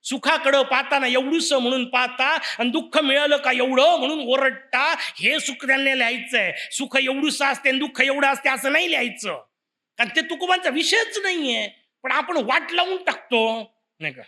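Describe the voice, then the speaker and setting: A man's voice: very high voice, moderate pace. A man giving a devotional lecture, firing rhetorical questions at his listeners and telling stories with playful teasing. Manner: rhetorical questions, animated storytelling. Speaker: religious discourse speaker.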